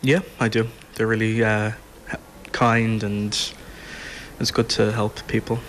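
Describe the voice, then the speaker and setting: A man's voice: on the low side, flat delivery, measured pace, a bit bright. A man in his twenties giving short, hesitant answers in an interview, with many fillers. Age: 20s. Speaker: programme participant.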